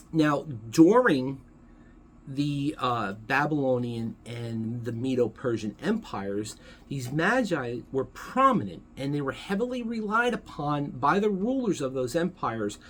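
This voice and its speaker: A man as pastor, teaching a sermon in a conversational, halting way, with frequent self-corrections. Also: fairly high pitch. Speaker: pastor teaching a Bible study.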